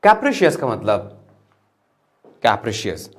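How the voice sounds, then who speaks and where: A man's voice: fairly low pitch, big pitch swings, unhurried. A man teaching English vocabulary to students in a classroom-style lesson. He drills words by repeating them, asks rhetorical questions, and calls his viewers children.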